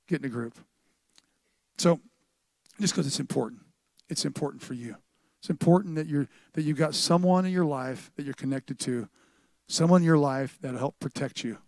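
A pastor in middle age, talking in a fairly high voice that is dry and close, with no room echo. He preaches conversationally, stumbling and restarting phrases, then rising suddenly to loud emphasis. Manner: animated and conversational, with frequent restarts and swings in loudness. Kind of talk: sermon with church announcements. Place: church service with a live congregation.

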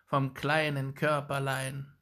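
A man voicing a spiteful old crone who mutters slyly in a creaky, croaking voice. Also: mid-range voice, completely flat delivery, pushed and bright, voice pushed up, exaggerated voice. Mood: muttering, sly. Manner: muttering, drawn-out, sly.

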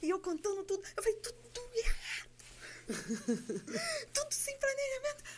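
A Brazilian woman telling a story in casual podcast chat, animated and laughing as she acts out dialogue. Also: very high-pitched, normal speed, slight background noise. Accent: Brazilian Portuguese. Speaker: guest.

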